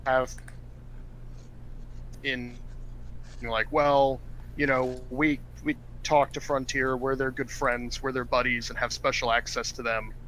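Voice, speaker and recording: Bright-voiced man rambling on a headset. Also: mid-range voice, little pitch movement, takes it slowly, pauses often, a little hiss or hum. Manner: rambling, joking, many fillers. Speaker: podcast co-host. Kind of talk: casual gaming podcast chat. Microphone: gaming headset.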